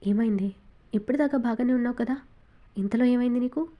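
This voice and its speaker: A woman voicing a teasing, quick-tempered young man in a romance audiobook, her reading lightly shaded. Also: a little high, muffled recording, lightly acted. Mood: coaxing. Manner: teasing, scolding.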